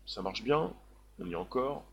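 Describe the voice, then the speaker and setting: A man's voice: mid-range voice, lively intonation, moderate pace, vocal fry, highs cut off, slight background noise. Emphatic man hosting a live stream. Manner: emphatic, repetitive, many fillers. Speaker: livestream host. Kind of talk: live stream chat, reading viewer comments.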